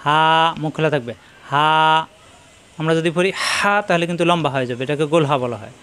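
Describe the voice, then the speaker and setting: A man's voice: a little high, fast talker, fairly bright tone, clean tone. A man teaching Quran reading, who spells out letters and their sounds one by one and repeats each drill patiently. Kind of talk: spelling-out recitation lesson.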